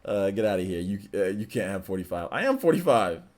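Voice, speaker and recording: A man in his forties hosts a relaxed livestream and chats with viewers in a rambling, slangy, joking way. His voice sits on the low side. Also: fairly quick. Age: 40s. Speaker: streamer host. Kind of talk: casual livestream chat reading viewer messages.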